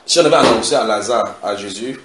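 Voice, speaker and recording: A man preaching a sermon in a house church, animated and expressive. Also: fairly low pitch, fast talker. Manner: animated preaching with acted quotes and a shouted climax. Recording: echoey room, faint noise.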